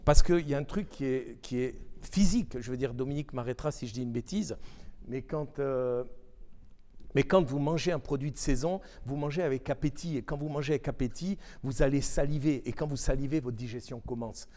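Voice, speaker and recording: A man with a southern French accent, a chef speaking on a panel, telling lively, funny stories to an audience. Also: mid-range voice, brisk. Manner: storytelling, animated, humorous. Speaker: chef speaker at a health talk. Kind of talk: lively anecdotal panel talk. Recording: long hall reverb.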